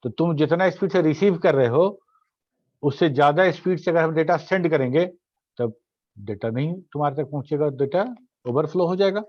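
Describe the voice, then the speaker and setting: A male teacher lectures in an online class, explaining step by step and pausing to quiz his students. His voice sits a little high, and English definitions come out slowly with an Indian accent. The recording is dry and dull, like lo-fi audio. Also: no room sound.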